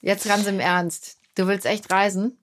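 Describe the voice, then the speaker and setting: A woman's voice: medium pitch, steady tone, measured pace. Teasing middle-aged woman hosting a podcast. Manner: teasing, jokey, laughs often. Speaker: podcast host. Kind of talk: casual chat.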